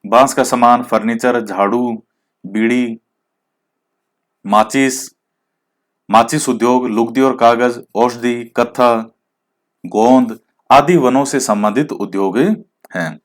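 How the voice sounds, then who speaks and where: Guy teaching an exam prep class, asks his own questions and answers them, drops english words in, mid-pitched voice. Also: steady tone, slow, long pauses. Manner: explains, then quizzes with questions he answers himself; mixes English words into Hindi.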